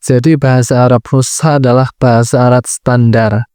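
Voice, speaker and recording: A man explains his lesson in a patient, steady way, breaking his ideas into short clauses. His voice is mellow and smooth. The recording is close and dry. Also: medium pitch, normal speed, no room sound. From Central Java, Indonesia. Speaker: Arabic language teacher. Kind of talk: educational lesson.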